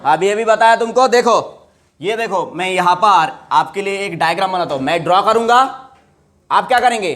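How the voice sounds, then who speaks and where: A male teacher, his voice pitched well above most men's, running a lecture. He keeps asking his students what each term is, then says the answer back himself. His Hindi is dotted with English technical words. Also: moderate pace, fairly bright tone. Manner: repeats questions and asks students to answer back; mixes English terms into Hindi speech. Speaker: biology teacher. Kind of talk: classroom lecture.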